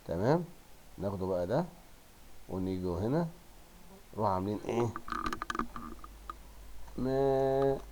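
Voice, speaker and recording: A male teacher with an Egyptian accent giving a primary school Arabic lesson, drawing out words slowly and praising pupils. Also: sits low, expressive, dark tone, slight background noise. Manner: coaxing, drawn-out word modeling with praise.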